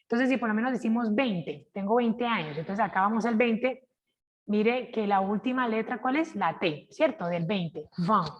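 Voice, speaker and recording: Mujer colombiana enseñando francés con calma. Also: female voice, medium pitch, dull audio. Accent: Colombian Spanish. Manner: slow, careful pronunciation of French examples; checks in with frequent "¿cierto?". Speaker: French teacher. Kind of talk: online class, sharing screen.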